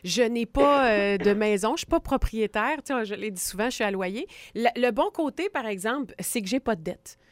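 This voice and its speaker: A woman's voice: a little high, expressive, normal speed, few pauses, no room sound. A woman in her forties with a Québécois French accent, a chatty co-host on a casual talk show. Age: 40s. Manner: chatty, laughs easily.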